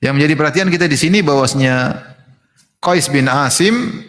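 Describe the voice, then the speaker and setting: A male preacher with a somewhat high voice delivers a sermon in a large, echoing hall. He recites scripture slowly, then explains it in a lively, conversational way. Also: slight background noise. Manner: lively, mimics wailing mourners in quoted asides. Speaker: Islamic preacher. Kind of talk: sermon lecture. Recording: long hall reverb.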